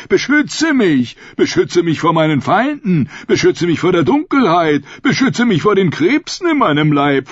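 A man's voice: a little high, slightly rough, no echo, voice pushed up, full character voice. A man doing a smug, mocking pirate king. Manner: silky, taunting, amused. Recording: dull lo-fi recording.

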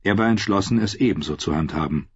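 A man narrating an audiobook in a steady, scripted reading voice. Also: low-pitched, fast talker, slightly rough, no room sound. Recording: dull lo-fi recording.

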